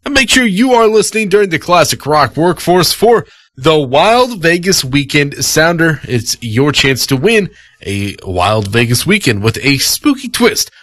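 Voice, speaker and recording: A man talking as a smooth radio DJ into a studio mic, promoting a contest between songs. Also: fairly high pitch, big pitch swings, unhurried, a bit bright, no echo. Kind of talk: smooth radio host patter.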